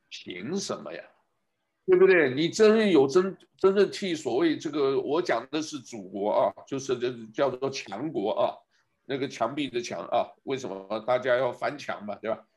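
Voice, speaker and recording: A man giving a rambling casual commentary, speaking to his listeners and asking them one rhetorical question after another. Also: fairly high pitch.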